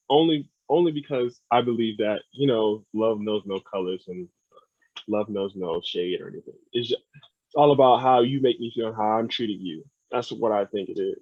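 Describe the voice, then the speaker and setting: A man's voice: lowish voice, husky, dry recording. A young American man, a podcast guest, talking earnestly and thoughtfully, often repeating words as he thinks. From United States. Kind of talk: casual podcast conversation. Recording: dry, phone-like sound.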